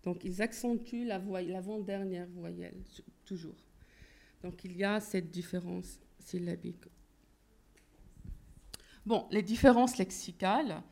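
Gravelly-voiced woman lecturing on linguistics. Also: lowish voice, measured pace, pauses often, darkish tone. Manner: explanatory, thinks aloud while searching for terms.

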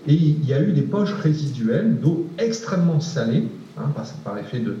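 A man's voice: on the high side, very animated, moderate pace, warm tone. A male researcher answering a question in a panel discussion, hesitant, with many fillers and repeated words. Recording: distant, echoey, dull room recording.

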